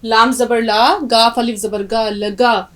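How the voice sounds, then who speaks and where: Woman teacher spelling out words slowly. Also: fairly high pitch, flat delivery, fairly bright tone, poor audio. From India. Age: middle-aged. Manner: spells words letter by letter, slowing on each sound; addresses learners directly with instructions. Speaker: Urdu teacher. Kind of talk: classroom language lesson.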